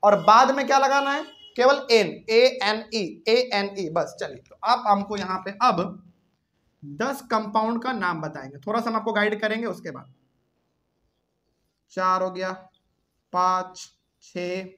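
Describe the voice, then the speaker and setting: A man's voice: sits high, unhurried, sharp tone. Hindi-speaking man teaching chemistry. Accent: Bihari Hindi. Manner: explains step by step, asks the class questions. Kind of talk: whiteboard chemistry lesson.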